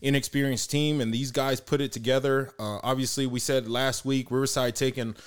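A man co-hosting a casual sports podcast, talking with many hesitations and getting excited and slangy. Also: medium pitch, fairly quick, clear, resonant tone. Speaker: podcast co-host.

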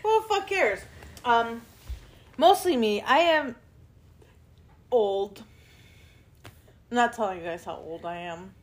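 A woman's voice: fairly high pitch, expressive, takes it slowly, long pauses. A woman co-hosting a podcast in casual late-night chat, laughing often and swearing freely. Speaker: podcast co-host.

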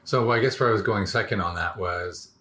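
A man's voice: on the low side, brisk, pushed and bright, slight background noise. A man hosting a technical interview, asking long, rambling questions and adding brief backchannels. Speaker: interviewer, podcast host.

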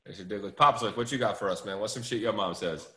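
A man's voice: lowish voice, fast, bright, forceful tone. A man hosting a podcast in casual chat, blunt and swearing freely while moving the segments along. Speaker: podcast host. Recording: echoey room with faint noise.

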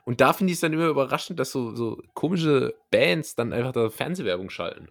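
A man in relaxed, casual chat, agreeing easily and acting out short quotes. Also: medium pitch, brisk.

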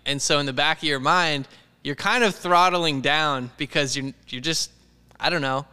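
A man's voice: a little high, normal speed, pushed and bright, clear, resonant tone. A man chatting casually about sports as a podcast co-host, recorded in a reverberant room.

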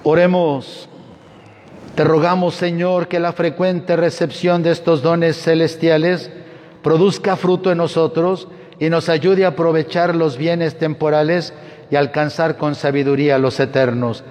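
A man serving as a priest, leading Mass prayers and blessings in a solemn, measured way, recorded inside a large church. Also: fairly high pitch, little pitch movement, darkish tone. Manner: solemn, measured liturgical delivery. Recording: long reverb of a large church.

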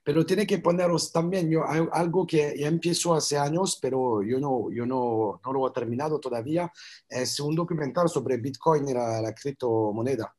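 A man's voice: medium pitch, normal speed, darkish tone. A man with a non-native accent in Spanish, talking earnestly in a casual interview, repeating words and making grammar slips as he searches for them. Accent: foreign, non-native Spanish. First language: not Spanish. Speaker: interview guest, filmmaker.

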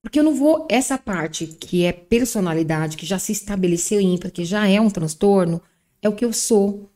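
A woman speaks as a psychologist guest in a podcast interview. She explains patiently, often answering her own rhetorical questions. Her voice is warm and mellow, at a middle pitch. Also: lively intonation, moderate pace.

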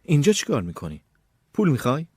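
A menacing escaped convict, hoarse and gruff, who barks his threats at a low, rough pitch, as a male narrator puts him on. He is brutal and impatient, and he pushes each word out hard and sharp. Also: very animated, dry recording, studio quality, exaggerated voice. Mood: threatening. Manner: threatening, snarling.

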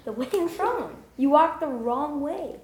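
A woman's voice: sits high, lively intonation, measured pace, a little mellow, roomy sound, a little hiss or hum. A woman in a catechism class giving unsure, hesitant answers to the teacher's questions. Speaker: class student.

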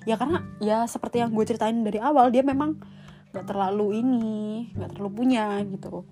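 A woman's voice: on the high side, a little fast. A young woman hosting a casual podcast, telling a personal story in slangy, chatty speech full of swearing. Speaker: podcast host. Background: faint guitar music.

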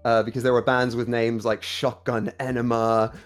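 A man's voice: mid-range voice, level tone, moderate pace, soft background music. A young man from Kuwait, a band singer, chatting casually as a podcast guest and reminiscing. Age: young adult.

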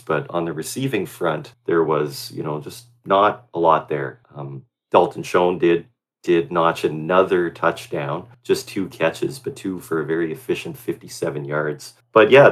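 Deep-voiced man hosting a sports chat. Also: fairly bright tone. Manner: upbeat, detailed game recaps with stats. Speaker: podcast host. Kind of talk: sports podcast talk.

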